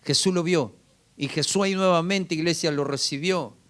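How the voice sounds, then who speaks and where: A man's voice: on the high side, normal speed. A man preaching a sermon as pastor, often calling out to the congregation with rhetorical questions.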